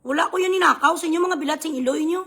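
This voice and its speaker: A woman on a livestream, launching into a profane, insulting tirade and at times shouting. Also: very high voice, racing. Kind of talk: angry livestream rant.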